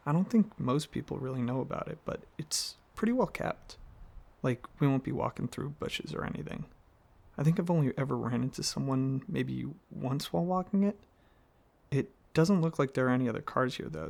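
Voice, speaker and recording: In an ASMR roleplay, a man with a gravelly, medium-pitched voice plays an affectionate, excitable dragon boyfriend. He talks casually and a bit haltingly, softly addressing the listener as his partner.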